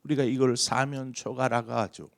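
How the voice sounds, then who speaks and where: A middle-aged pastor preaches an early-morning prayer sermon with earnest emphasis, rising on key phrases. His voice is mid-range and steady, at normal speed.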